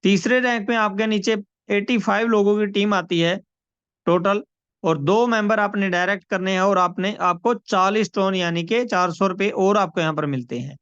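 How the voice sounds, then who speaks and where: A man giving a persuasive sales pitch on a video call, repeating numbers and calling listeners friends. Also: normal speed, fairly bright tone, clear, resonant tone, no room sound. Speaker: presenter of a money scheme. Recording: dry, dull lo-fi call audio.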